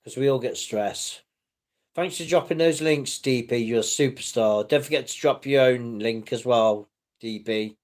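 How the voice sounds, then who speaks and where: This middle-aged British livestream host goes through viewer comments at normal speed in a medium-pitched, slightly mellow voice. His chat is casual and comforting, wandering and full of restarts.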